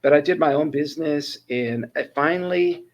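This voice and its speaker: His voice a little high and his pace moderate, this sixty-something ministry mentor coordinator from Northern California recounts his life story as an interview guest. The sound is lo-fi, and his casual personal testimony is earnest, with frequent sentence restarts.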